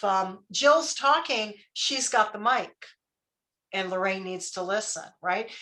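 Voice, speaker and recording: A woman's voice: a little high, pushed and bright. A woman leadership coach giving a live workshop, talking conversationally, quizzing her audience and checking in with "right?" and "okay?".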